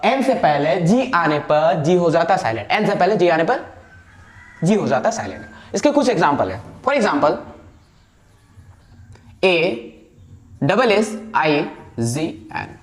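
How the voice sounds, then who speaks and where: A male teacher with an Indian English accent leads a spoken grammar lesson. He repeats every example word and keeps asking the viewer to answer back. His voice rings in an echoey room. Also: sits high.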